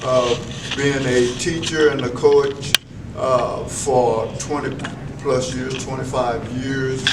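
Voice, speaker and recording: A veteran school educator from Texas, in his 70s, answers interview questions reflectively, speaking slowly in a level, medium-pitched voice. His phrasing is formal and measured, broken by frequent filler pauses. He sits some distance from the mic in an echoey school room, with clear background noise humming beneath him.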